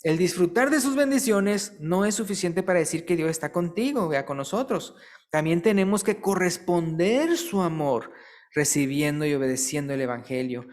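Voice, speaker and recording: A male preacher giving a relaxed, conversational sermon, asking the congregation questions and telling light jokes. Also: on the high side, moderate pace. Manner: chatty, asks listeners questions and tells jokes.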